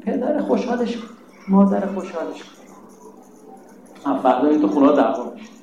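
Emphatic preacher, high-voiced man. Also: sing-song, vocal fry, echoey room, dull audio, background noise. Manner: emphatic, scolding, rhetorical questions. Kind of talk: religious sermon.

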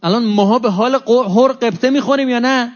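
A man giving a religious talk to an audience, animated and acting out quoted exchanges with sudden rises and drops in his voice. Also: extremely high pitch. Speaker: religious lecturer. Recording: dull lo-fi recording.

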